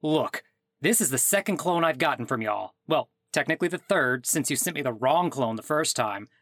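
A man's voice: medium pitch, expressive, normal speed, fairly bright tone, no echo. An actor playing an exasperated man whose clone died, sarcastic and indignant in a comedic audio drama.

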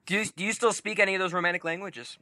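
A man hosting a casual interview, asking quick questions with enthusiastic reactions. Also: sits high, fairly even intonation, sharp tone, dry recording. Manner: upbeat, enthusiastic rapid-fire questions. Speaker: podcast host.

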